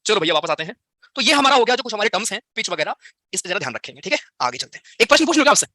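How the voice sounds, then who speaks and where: A man's voice: high voice, big pitch swings, racing, bright, forceful tone, no echo, studio quality. A young man teaching physics in a live online class, playful and teasing as he banters with his students.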